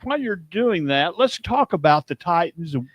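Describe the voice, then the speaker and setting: A man hosts a casual sports talk show in a meandering, halting voice that sits a little high. He often restarts his sentences. The recording is dry, with no room sound. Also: big pitch swings, dry recording, dull audio. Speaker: host.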